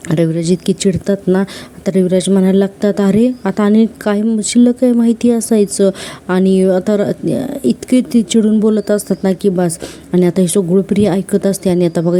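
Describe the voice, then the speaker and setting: A woman's voice: medium pitch, flat delivery, normal speed, mellow. A woman casually retelling a television serial episode scene by scene, with lots of filler words. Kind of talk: casual episode recap narration.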